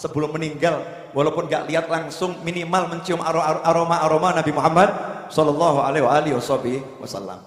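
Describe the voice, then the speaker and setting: A man preaches in a storytelling manner, his fairly high voice rising to loud, lively urging. The sound rings through a large hall with a long, echoing tail. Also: a little fast. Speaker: preacher at a prayer gathering. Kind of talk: storytelling sermon. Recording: echoey hall with long reverb.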